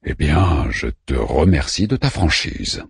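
Audiobook figure: a slow, wry male robot voiced by a male reader, low and dry. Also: sing-song, gravelly, breathy edge, no echo, heavily acted. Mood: calm, wry. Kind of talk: audiobook character voicing.

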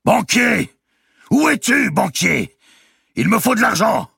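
A man voicing a brash, mocking giant of a royal nobleman, loud and bellowing in an audiobook reading. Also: deep voice, very animated, moderate pace, vocal fry, husky, no room sound, clean studio sound, voice pushed up, full character voice. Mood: roaring.

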